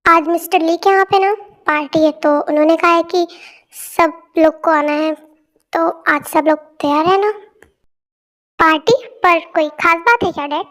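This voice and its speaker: A woman voicing a calm businessman father in a fan audio story, explaining plans in an even way. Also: very high-pitched, normal speed.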